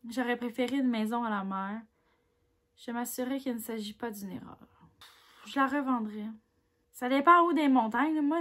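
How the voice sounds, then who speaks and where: A woman with a Québécois French accent chatting casually as she reads quiz questions aloud and answers them candidly. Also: on the high side. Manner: chatty and candid, reads each question louder then mulls over answers with little laughs.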